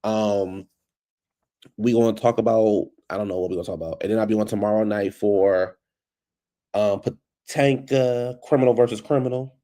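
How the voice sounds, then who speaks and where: With a lowish, warm voice held at a steady tone and a moderate pace, a man vlogs from his computer at home. His nose is stuffed up and his voice is fading as he rambles in a loose, chatty solo talk, calling listeners "baby."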